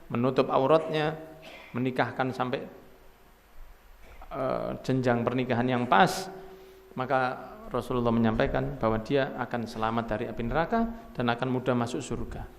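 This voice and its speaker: A man with a Javanese accent preaching a sermon in an animated way, his voice climbing sharply when he is stirred and dropping low again. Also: normal speed, creaky, pauses often, big-room sound.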